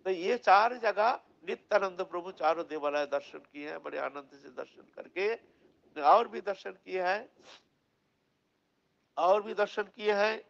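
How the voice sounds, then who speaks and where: A man telling a devotional story as a sermon, animated and repetitive, asking his listeners questions. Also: high-pitched, unhurried, gravelly, pauses often, dull audio. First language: Bengali. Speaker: religious storyteller.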